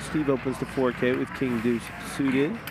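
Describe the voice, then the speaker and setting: Hushed male poker commentator over heavy noise. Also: medium pitch, fairly even intonation, normal speed. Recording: very noisy background ambience.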